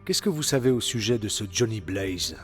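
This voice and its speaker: A man's voice: fairly low pitch, sing-song, moderate pace, faint music behind. An actor playing an earnest, curious young male hero in a French video game dub, asking plenty of questions. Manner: inquisitive, earnest.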